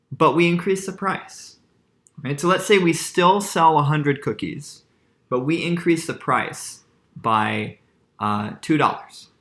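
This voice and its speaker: A man's voice: a little high, fairly bright tone. A man teaching calculus in a casual lecture, talking through slides and often checking in with the listener. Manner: conversational, checks in with frequent "right?", restarts mid-phrase. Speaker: math teacher.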